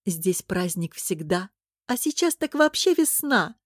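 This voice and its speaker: A plump, fussy court tailor, voiced by a woman reading the book, fluttering and easily indignant, raised a little above the reader's usual pitch and pushed louder. He fusses over fabrics as if every seam were a matter of honour. The recording is dry and close, with no room sound. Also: unhurried, dry recording. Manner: excitable, indignant, flustered. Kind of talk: audiobook character voice.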